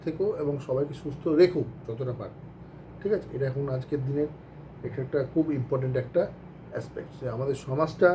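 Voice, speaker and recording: Man teaching accounts, fairly high and warm, earnest and rambling, mixing in English. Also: slight background noise. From Bengal. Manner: rambling, earnest advice with many restarts and English phrases. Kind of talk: casual spoken lesson to students.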